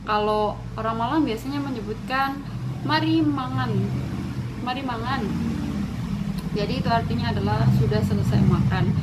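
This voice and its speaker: A woman's voice: medium pitch, very noisy. A young woman from East Java, giving a recorded class presentation and explaining each point step by step. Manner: explanatory, acts out dialect examples. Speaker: student presenter.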